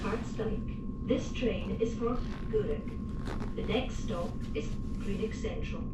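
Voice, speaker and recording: Woman's train loudspeaker announcement. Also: medium pitch. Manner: formal, measured announcing. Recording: muffled, noisy train carriage.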